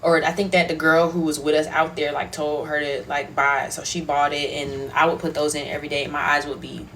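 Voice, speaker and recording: A woman vlogger telling a personal story in a casual, slangy, profane and animated way. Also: low voice, a little fast, slight background noise.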